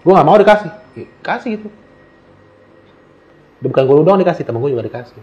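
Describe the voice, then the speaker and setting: A man's voice: a little high, fast, muffled recording. A man telling a story in casual conversation, acting out the dialogue. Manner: animated, acts out dialogue. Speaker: guest storyteller.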